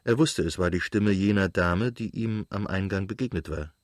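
A man narrating a classic novel as an audiobook in a measured, literary reading. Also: sits low, dry recording, studio quality.

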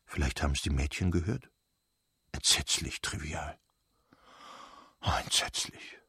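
Man playing a remorseful nobleman, soft and pleading, low and quiet, husky. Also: big pitch swings, unhurried, no room sound, studio quality, full character voice. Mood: dismayed, pleading. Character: remorseful, helpless nobleman in his prime.

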